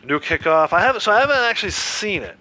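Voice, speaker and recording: A gaming streamer with a high, sharp, very animated voice talks at a quick pace while playing, chatting casually, sharing strong opinions, and rambling with lots of fillers on his livestream.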